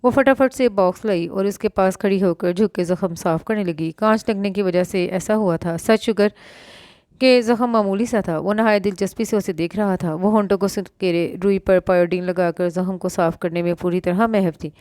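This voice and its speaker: A woman narrating a romance novel aloud with steady storytelling. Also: medium pitch, no room sound, studio quality.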